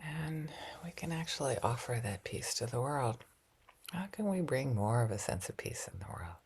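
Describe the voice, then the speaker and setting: A woman teaching a loving-kindness meditation in a soft, often half-whispered, gentle and reflective way, with light laughs at herself. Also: a bass voice, sing-song, moderate pace, slight background noise.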